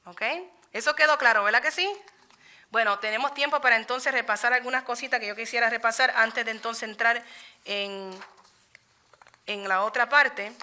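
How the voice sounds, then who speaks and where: A woman leads a Bible study in a church meeting room. Her voice sits a little high and rings bright and forceful. She talks in a loose, conversational way and keeps asking the group to agree with her.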